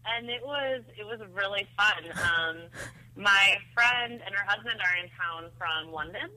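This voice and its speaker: A woman calls in by telephone as a guest and tells a story casually, laughing and using plenty of fillers. Her medium-pitched voice is pushed and bright at a measured pace, heard over a thin phone line.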